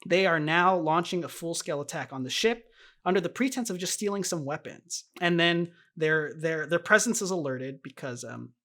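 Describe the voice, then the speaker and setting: Lively podcast co-host explaining a show. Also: male voice, a little high, normal speed. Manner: animated, laughs often, explains eagerly. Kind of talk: casual recap chat.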